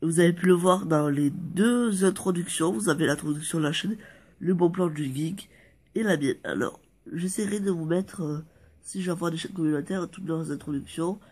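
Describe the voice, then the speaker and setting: A man's voice: fairly high pitch, moderate pace, a little mellow, husky. A man presenting a casual fact video, making joking asides and stumbling over numbers before correcting himself. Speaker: YouTuber presenting facts.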